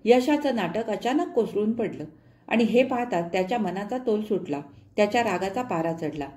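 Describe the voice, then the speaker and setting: A woman narrating a short story in a measured, expressive storytelling manner. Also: medium pitch.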